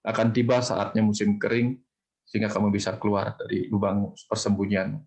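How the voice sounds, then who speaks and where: Measured low-voiced man teaching. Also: little pitch movement, a little mellow. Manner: measured, explanatory, uses parables. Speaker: spiritual teacher answering questions. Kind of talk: calm spiritual talk.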